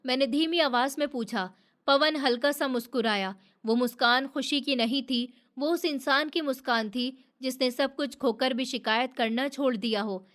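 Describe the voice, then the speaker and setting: A woman narrating a dramatic moral story in steady, scripted first person. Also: high voice, moderate pace.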